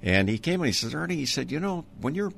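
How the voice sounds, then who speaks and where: A man's voice: fairly high pitch, big pitch swings, fast talker, vocal fry, fairly bright tone, slight background noise. An older man from Minnesota, a retired radio announcer, reminiscing in a rambling way with many ums and uhs and chuckles. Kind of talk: reminiscing interview talk.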